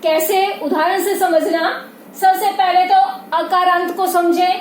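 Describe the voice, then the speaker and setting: A woman with a very high voice teaches grammar patiently, repeating each point and often checking that her students follow. She is recorded in a roomy, echoing space with a faint hiss behind her. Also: steady tone, measured pace. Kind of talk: classroom grammar lesson. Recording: echoey room with faint noise.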